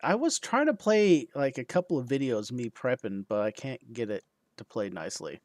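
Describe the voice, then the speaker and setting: An easygoing man co-hosting a livestream who laughs readily and drops soft-spoken asides. He has an ordinary male pitch and is recorded close and dry. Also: big pitch swings, normal speed, no echo. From United States. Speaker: co-host of a ham radio livestream. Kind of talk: casual livestream chat.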